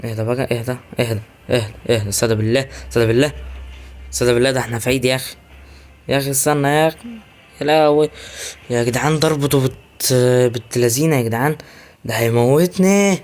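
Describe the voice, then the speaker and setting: A young man with an Egyptian Arabic accent, chatting excitedly to viewers while commenting on his own gameplay. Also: medium pitch, rapid-fire, pauses often. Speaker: gaming YouTuber.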